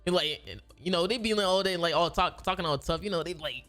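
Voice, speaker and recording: A man with a fairly high voice tells a story in a loose, rambling way. He restarts his sentences and uses a lot of slang. Soft music plays quietly behind him. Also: quick pace. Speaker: gaming video creator. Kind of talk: casual storytelling.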